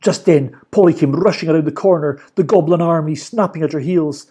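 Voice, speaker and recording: A man reading a children's storybook aloud for a library, animated and expressive. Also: fairly high pitch, brisk, husky. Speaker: library reader.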